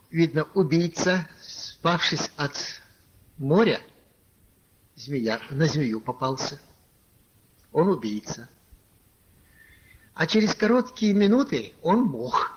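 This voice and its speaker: A man preaching a conversational sermon, telling a personal story and addressing his listeners as brothers, with many filler words. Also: on the high side. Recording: lo-fi archival tape recording.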